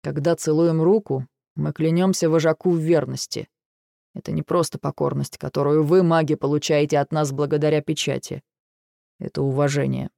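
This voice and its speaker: A man voicing a gravelly, weary dragon. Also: on the high side, flat delivery, normal speed, mellow, no echo, studio quality. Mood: dry. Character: weary, dry-witted male dragon servant. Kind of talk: audiobook dialogue reading.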